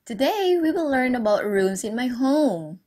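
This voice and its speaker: A woman's voice: a little high, big pitch swings, unhurried, a little mellow, slightly rough. A woman teacher telling a story to young children, asking the class questions, repeating key words and praising their answers. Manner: praising, encouraging.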